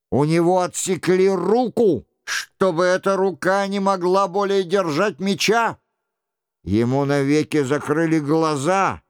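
A man's voice: high-pitched, smooth, dry recording, studio quality, voice pushed up. A man reading an audiobook, voicing a stern young nobleman who speaks harshly and accusingly.

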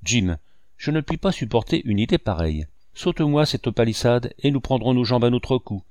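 A man reading the part of a grave, kindly ship's doctor, earnest and gently reproachful. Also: mid-range voice, animated, normal speed, no echo, clean studio sound, close to an everyday voice. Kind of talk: audiobook dialogue reading.

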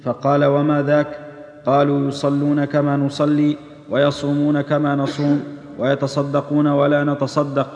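Man reading in a flat monotone. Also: fairly high pitch, moderate pace. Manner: flat, steady recitation. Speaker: reader of hadith text. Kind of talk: reading religious text aloud. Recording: echoey hall, dull old tape.

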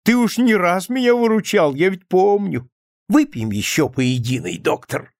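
Man doing a drunk confessing friend, maudlin, lively swinging pitch, gravelly edge, dry close sound. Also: normal speed, no echo. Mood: effusive, confessing. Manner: maudlin, emphatic drunken pleading. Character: drunken, self-pitying male friend confessing. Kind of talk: audiobook character reading.

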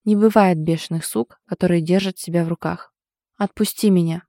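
A tired, blunt young woman, voiced by the woman reading, answering curtly with weary irony. The voice is low and dark, recorded close and dry with no room around it. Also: steady tone, fairly quick, dry recording, close to an everyday voice.

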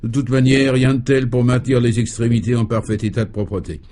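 A man's voice: mid-range voice, flat delivery, fast talker, mellow, close to an everyday voice. A man doing a pompous old professor. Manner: pompous, ceremonious. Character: old eccentric male museum professor.

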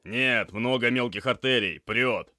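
A man voicing a brisk male paramedic who shouts clipped orders at his team. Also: on the low side, no room sound, studio quality. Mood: barking orders.

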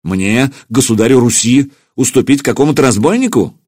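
A man's voice: medium pitch, lively intonation, moderate pace, darkish tone, slightly rough, dry recording, clean studio sound, voice pushed up. A man voicing a proud, imperious grand prince who speaks in a commanding, irritable way.

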